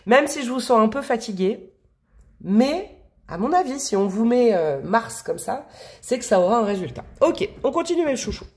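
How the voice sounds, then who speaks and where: A woman's voice: fairly high pitch, very animated, moderate pace, a little mellow. Chatty, affectionate woman reading tarot. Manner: chatty and affectionate, with frequent fillers and asides. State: sniffly from allergies. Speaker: tarot reader. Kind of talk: casual tarot reading to camera.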